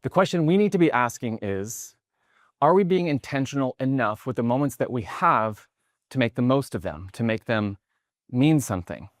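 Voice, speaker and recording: A man in his thirties from the New York area gives a motivational keynote with an energetic storytelling drive. His voice sits at a medium pitch and climbs high and loud when he gets excited. The sound is dry and close, with little room echo. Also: normal speed. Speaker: keynote speaker. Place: large conference hall.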